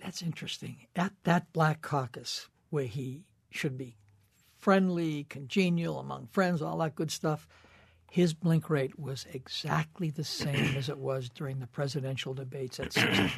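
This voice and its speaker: A man's voice: fairly high pitch, fairly even intonation, normal speed, vocal fry, husky, dry recording, studio quality. A man appearing as a psychologist guest on a radio panel, explaining his points analytically, step by step. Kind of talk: expert radio commentary.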